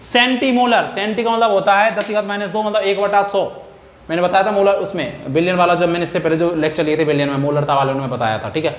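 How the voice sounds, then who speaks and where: Male chemistry teacher, high voice, quizzing lecture style; roomy, muffled recording. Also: steady tone, fast talker. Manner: repetitive, quizzing students with questions. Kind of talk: classroom lecture.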